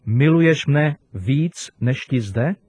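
A man reading the words of Jesus in a calm, solemn way. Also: medium pitch, husky, no room sound. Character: Jesus, calm questioning teacher.

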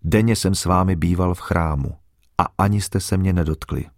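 A man reading the words of Jesus in a measured, solemn way during a scripture reading. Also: deep voice, darkish tone, no room sound, studio quality. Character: Jesus, a calm grown man teaching.

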